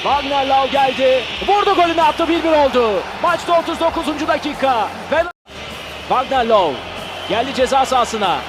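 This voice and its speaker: A man giving excited live football commentary with loud rising calls. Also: very high voice, moderate pace. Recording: very noisy match broadcast audio.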